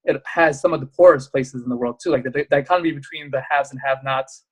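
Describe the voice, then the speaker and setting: A man in his thirties, born in Pakistan and raised in the US, talking as a podcast guest in a casual, animated way with fillers. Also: mid-range voice, husky. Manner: animated, rapid storytelling with fillers. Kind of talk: casual interview chat.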